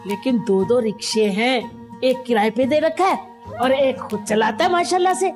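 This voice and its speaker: An actress as a gushing matchmaker aunt. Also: female voice, fairly high pitch, moderate pace, over music, natural voice. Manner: gushing, talkative. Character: chatty middle-aged matchmaking aunt. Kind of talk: TV drama acting.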